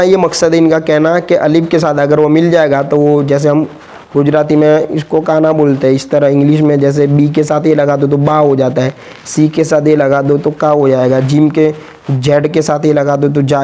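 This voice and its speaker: In a slow lesson on reading Urdu, a man with a fairly high-pitched, dark-toned voice spells things out, patiently voicing each letter and syllable in turn.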